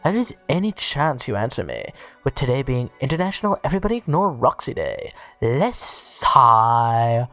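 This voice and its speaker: A man voicing a bubbly teenage girl in a Valley Girl voice, reading a webcomic aloud in character with sing-song, drawn-out calling. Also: medium pitch, big pitch swings, a bit bright, faint music behind.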